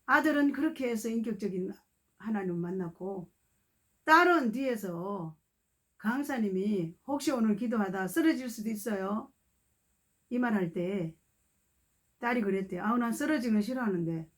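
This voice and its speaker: A woman's voice: mid-range voice, lively intonation, normal speed, long pauses. A woman guest preacher telling a testimony to her congregation, acting out the voices of the people in her story and speaking to the listeners directly. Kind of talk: testimony sermon.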